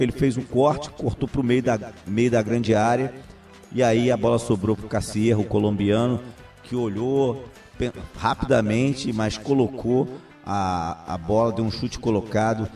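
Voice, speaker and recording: A Brazilian man comments on a football match in a dark, relaxed voice of medium pitch. His delivery is halting, and he sounds away from the microphone with music in the background. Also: distant mic.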